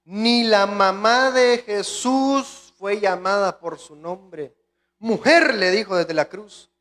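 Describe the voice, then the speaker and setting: A man's voice: high voice, steady tone, takes it slowly, a bit bright. A man with a Salvadoran accent preaching a sermon with impassioned delivery, often calling out to the congregation. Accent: Salvadoran Spanish. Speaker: guest pastor.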